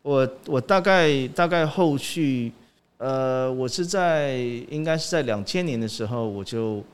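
A man, chatting as an interview guest, halting and often repeating short affirmations, dropping in English words. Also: medium pitch, animated, clear, resonant tone. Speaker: sound director guest. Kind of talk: casual interview chat.

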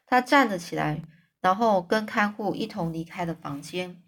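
A woman's voice: lowish voice, lively intonation, normal speed. A woman reading a novel aloud as a storyteller, stopping often to explain difficult words in plain terms.

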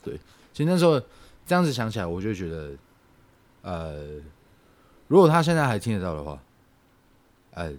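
A young man, telling a personal story on a podcast in a halting, reflective way. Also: sits low, very animated, a little mellow. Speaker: podcast co-host. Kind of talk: casual podcast chat.

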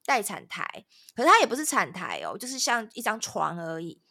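A woman, a podcast guest telling a story in an animated, dramatic way. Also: medium pitch, fairly quick, no room sound, clean studio sound. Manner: animated, dramatic retelling with laughter. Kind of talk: casual storytelling chat.

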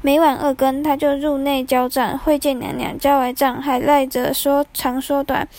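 A woman storyteller narrating a folk tale in a vivid, expressive manner. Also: high voice, moderate pace, dry recording.

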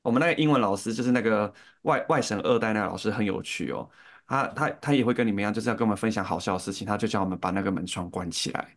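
A man's voice: on the low side, racing. A man with a Taiwanese Mandarin accent, co-hosting a podcast and telling school stories in casual chat, laughing often. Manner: animated, laughing storyteller. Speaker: podcast co-host.

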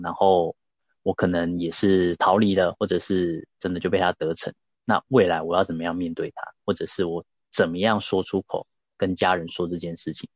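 Male host, thoughtful questioner, deep tone, a bit muffled lo-fi recording. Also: no echo. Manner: thoughtful, reflective follow-up questions. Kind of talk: casual interview hosting. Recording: slightly dull lo-fi audio.

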